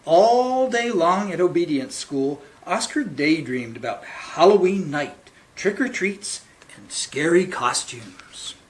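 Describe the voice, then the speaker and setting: Slow, animated male storyteller. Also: high-pitched, low-quality recording. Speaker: children's librarian reading storytime. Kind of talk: animated picture-book read-aloud.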